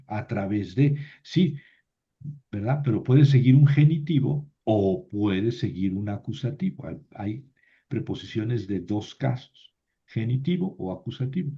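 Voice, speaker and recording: A man's voice: fairly low pitch, dull audio. A man teaching a Biblical Greek class online, explaining patiently step by step and often checking with "¿verdad?".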